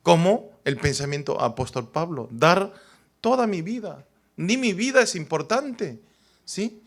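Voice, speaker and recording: Korean-native male pastor preaching a sermon; high-pitched, emphatic, constantly checking in with listeners. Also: big pitch swings, unhurried. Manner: emphatic, keeps asking the congregation "right?".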